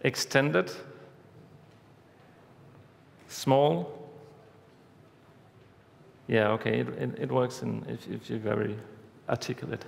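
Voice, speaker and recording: A man giving a conference talk, walking through a live demo step by step in a halting way, recorded in a large hall. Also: medium pitch, flat delivery, gravelly. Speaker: conference speaker. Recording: reverberant hall, faint background noise.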